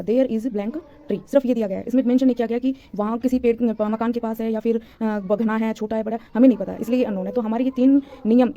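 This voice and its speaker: A woman's voice: on the high side, muffled recording. A woman teacher giving a grammar lesson, patiently repeating points and answering her own questions.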